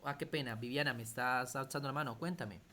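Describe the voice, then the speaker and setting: A man's voice: mid-range voice, brisk, pushed and bright, slight background noise. A man teaching a computer class over a video call, explaining step by step and often checking that students follow. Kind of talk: online class lecture.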